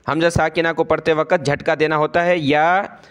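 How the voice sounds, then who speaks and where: A man teaching Quran reading, spelling each syllable by its letters and vowel marks, then reciting the word slowly, with brisk explanations in between. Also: a little high, level tone, a bit bright, clean tone. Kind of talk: step-by-step Quran reading lesson.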